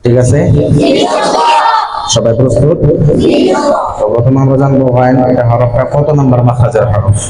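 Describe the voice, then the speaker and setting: A man's voice: mid-range voice, steady tone, moderate pace, long pauses, heavy background noise. A male madrasa teacher giving a Quran pronunciation lesson, asking the class questions and repeating the answers. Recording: echoey room with a crowd of students. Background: students chanting along.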